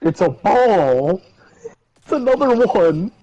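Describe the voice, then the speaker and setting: A young man with a high, slow voice and a dark tone swings his pitch widely as he trades sweary, joking banter with a co-op gaming partner over voice chat. The voice chat audio sounds dull.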